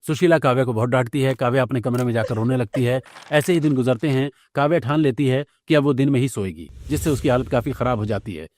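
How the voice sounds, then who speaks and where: Guy reading out a cartoon story, steady and plain. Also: mid-range voice, quick pace, hardly any pauses. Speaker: narrator. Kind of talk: scripted storytelling narration.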